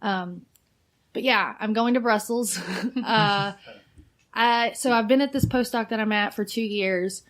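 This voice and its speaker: A woman's voice: mid-range voice, measured pace, a bit bright. A woman in her thirties, a biochemist guest on a podcast, chatting casually with lots of "like" and frequent laughter. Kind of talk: casual chat.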